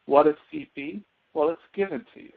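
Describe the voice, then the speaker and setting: Through narrow, phone-like audio, a male instructor walks through a step-by-step tutorial lecture, often posing questions and answering them himself. His voice is fairly high with vocal fry, and he talks a little fast.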